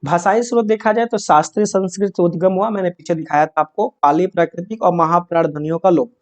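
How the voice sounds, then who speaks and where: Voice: medium pitch, fairly even intonation, quick pace. A teacher giving an exam-prep grammar lesson, asking questions and answering them, checking in with short tags. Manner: repeats key points and checks with "है ना" and "yes or no".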